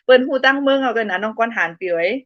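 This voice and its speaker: A woman's voice: on the high side, racing, dry recording, muffled recording. A young woman hosting a casual live stream, reading out viewer comments in a playful, giggly way. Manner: giggly and playful, laughs often between remarks.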